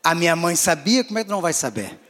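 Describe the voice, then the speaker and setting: A male pastor preaching a sermon, swinging between raised, emphatic phrases and hushed, quiet ones. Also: a little high, very animated, racing, a little hiss or hum. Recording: long hall reverb.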